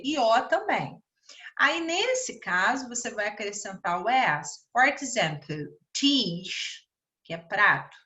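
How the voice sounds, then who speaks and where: A Brazilian woman with a bright, forward voice teaches an online English grammar lesson at a slow, patient pace. She talks with a Brazilian Portuguese accent, repeats each example word and keeps checking in with "né?". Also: medium pitch. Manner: explains slowly, repeats words and asks "né?".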